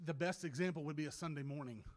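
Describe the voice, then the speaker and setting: A man preaching a sermon, often restarting his words, sometimes choked up and clearing his throat, and rising to loud, shouted passages. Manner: builds from low, halting talk to loud, shouted preaching with many restarts.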